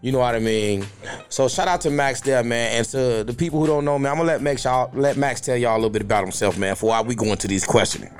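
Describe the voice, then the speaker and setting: A man's voice: medium pitch, quick pace. Laid-back man co-hosting. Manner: laid-back, says "man" and "you know what I mean" constantly. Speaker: radio show co-host. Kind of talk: casual chat.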